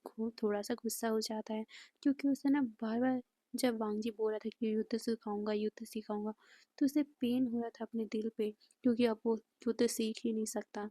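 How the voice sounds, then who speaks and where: A woman telling a romance story in a soft, breathy, half-whispered way. Her voice sits a little high but sounds warm and very mellow. The recording is close and completely dry. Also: flat delivery, brisk, dry recording. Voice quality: soft breathy delivery, often near a whisper. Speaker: fan fiction narrator. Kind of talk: storytelling narration.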